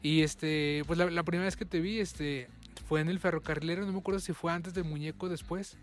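A man with a Mexican accent interviewing in a relaxed, halting way with many fillers. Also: on the high side, soft background music. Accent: Mexican Spanish. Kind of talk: casual conversation.

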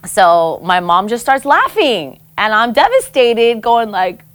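A woman from Samoa, a guest who used to host her own show, telling personal stories in a frank, animated way, laughing often and swearing casually. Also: a little high, slow, clean tone. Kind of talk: candid conversational storytelling.

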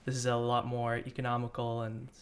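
Man, twenties, casual, relaxed, filler-heavy chat. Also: medium pitch, fairly quick, smooth. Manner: relaxed, uses many fillers like "like". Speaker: guest.

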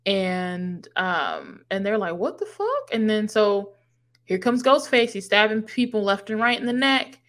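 A woman's voice: medium pitch, unhurried. A woman co-hosting a podcast, chatting casually as she retells a movie's plot, acting out the characters' lines as she goes. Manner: animated storytelling, acts out characters' lines, swears casually. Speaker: podcast co-host. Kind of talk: casual movie recap chat.

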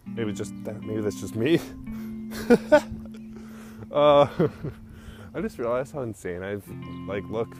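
A man's voice: fairly low pitch, lively intonation, slow pace, pauses often. A young man hosting his own podcast, telling casual stories while walking outdoors, rambling with lots of "like" and frequent laughs. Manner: rambling, full of "like" fillers, laughs often. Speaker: solo podcast host. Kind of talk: casual storytelling monologue. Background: guitar music.

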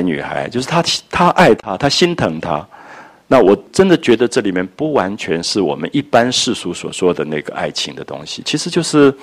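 A man lecturing on a classic novel, musing and reflective, with frequent soft asides. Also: lowish voice. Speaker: literature lecturer.

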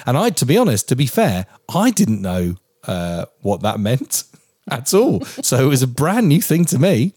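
Southern English man in his forties, podcast co-host, rambling and sweary, lively up-and-down pitch, close dry sound. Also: moderate pace, slightly rough, no room sound. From England. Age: 40s. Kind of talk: casual chat.

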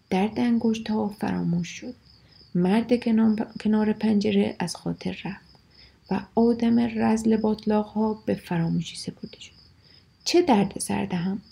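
A woman reads a storybook aloud in a dark, gravelly voice with a husky edge. She turns expressive, sinking to whispers and lifting her voice for the shouted lines. Crickets chirp faintly behind her. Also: medium pitch.

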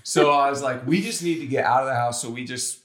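A man co-hosting a casual podcast with his wife, telling stories in an animated way and acting out voices in quotes. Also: medium pitch, fast. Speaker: podcast co-host. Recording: roomy echo.

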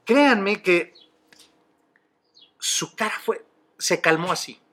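A man's voice: sits high, expressive, slow, fairly bright tone. A middle-aged man with a Mexican accent hosting a podcast, telling stories in a chatty, casual way and laughing easily. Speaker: podcast host. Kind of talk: casual conversation.

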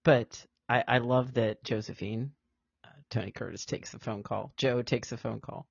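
Laughing podcast co-host, husky dry sound. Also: medium pitch, moderate pace, dry recording. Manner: animated, acts out quotes, laughs a lot. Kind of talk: casual film discussion. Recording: dry, dull lo-fi audio.

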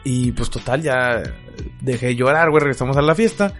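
A young man with a Mexican accent, co-hosting a casual podcast and telling a story in quick, slangy speech full of filler words. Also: mid-range voice, expressive, fairly bright tone, faint music behind. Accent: Mexican Spanish. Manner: slangy, fast, peppers every phrase with filler. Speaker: podcast co-host.

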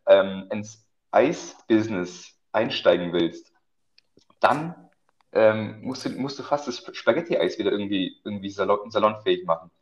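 A man's voice: on the low side, expressive, normal speed. Joking podcast man, dull recording. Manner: joking, hesitant with many fillers. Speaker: podcast co-host. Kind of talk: casual podcast chat.

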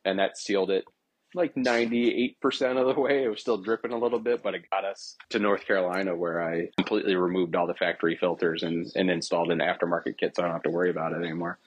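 A man in his thirties, a podcast guest, telling a rambling story in a relaxed way with restarts and chuckles. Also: low-pitched, fast, breathy edge, poor audio. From Ohio. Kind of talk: casual storytelling.

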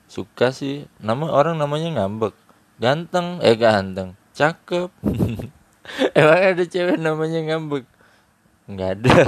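A man's voice: medium pitch, creaky, no echo. A man in casual, teasing chat, laughing often as he jokes around. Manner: joking banter with frequent laughter; slangy and teasing.

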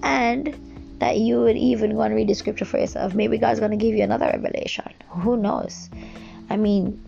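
Her voice is mid-range with vocal fry, and she keeps a steady tone at normal speed. The Jamaican devotional speaker rambles earnestly with many fillers and restarts, heard over music in a dull, lo-fi recording.

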